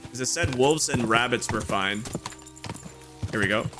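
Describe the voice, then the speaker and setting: A man's voice: medium pitch, measured pace, over music. A man giving casual video game commentary as a playthrough host, chatty, thinking aloud and given to exclaiming.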